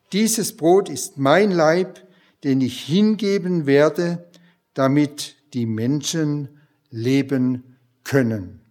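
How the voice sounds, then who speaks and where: A man preaching a sermon and reading a long Bible passage aloud in a slow, measured way. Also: on the high side, a little mellow.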